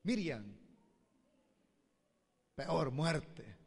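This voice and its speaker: Pastor preaching in a reverberant hall. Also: male voice, fairly high pitch, big pitch swings, drawn-out words, husky. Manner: addresses the congregation directly with rhetorical questions. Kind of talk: sermon. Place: church hall.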